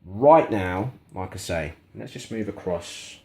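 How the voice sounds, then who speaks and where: His voice sits low and darkish, with lively intonation and a slow pace, and there's slight background noise. The man is a gadget reviewer in a kitchen, casually demonstrating a product and being frank about its flaws as he chats.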